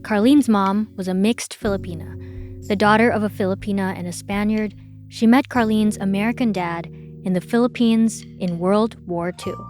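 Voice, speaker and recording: A woman hosting a podcast, reading a scripted documentary narration in a measured, explanatory way. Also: mid-range voice, fairly even intonation, a little mellow, faint music behind. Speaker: podcast host.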